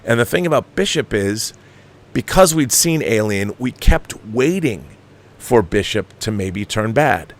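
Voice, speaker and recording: In a lowish, animated voice and an unhurried delivery, a film commentary host rants through an opinionated movie review. He sounds exasperated and emphatic, and swearing runs throughout.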